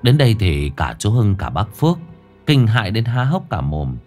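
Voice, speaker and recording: A male audiobook narrator, telling the story dramatically. His voice sits fairly low but swings through a wide, animated range of pitch. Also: moderate pace, soft background music.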